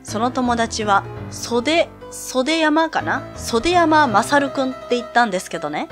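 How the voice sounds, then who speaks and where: A woman reading aloud as a male high school student who calmly tells a ghost story from a sound novel. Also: unhurried, music in the background. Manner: calm, storytelling.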